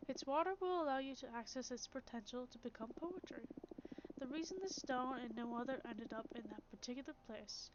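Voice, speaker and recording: A woman streaming a narrative game, reading its text aloud and reacting in an animated, giggly way. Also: high voice, fairly quick, noisy background. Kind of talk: game narration and live commentary. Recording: dull lo-fi stream audio with game music.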